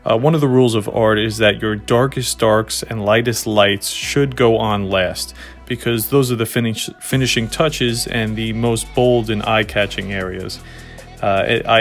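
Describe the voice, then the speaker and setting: A man with a Long Island accent narrating a painting time-lapse in a relaxed, joking way, with many "uh" fillers. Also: on the low side. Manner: relaxed, self-deprecating, frequent "uh" fillers. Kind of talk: casual voice-over narration.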